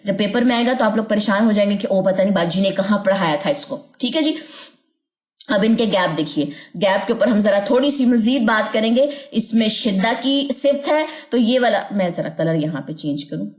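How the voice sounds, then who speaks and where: A woman teaching an online recitation lesson, patiently drilling sounds slowly and repeating them many times. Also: medium pitch, lively intonation, darkish tone, roomy sound.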